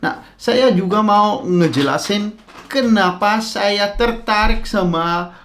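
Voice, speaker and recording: A man's voice: high-pitched, takes it slowly, a bit bright, slight background noise. A man from the Netherlands, explaining word origins in a casual, hesitant way with frequent filler sounds. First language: Dutch. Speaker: content creator explaining language history. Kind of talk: casual explainer talking to camera.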